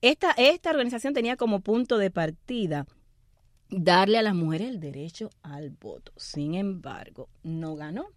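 A woman from Cuba, telling a history story in a lively, conversational talk-show way, often turning to the listeners with asides. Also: medium pitch, normal speed, no room sound, studio quality.

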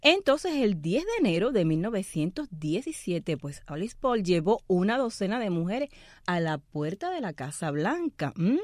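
A woman from Cuba, telling a history story in a lively, conversational talk-show way, often turning to the listeners with asides. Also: medium pitch, moderate pace, no echo, clean studio sound.

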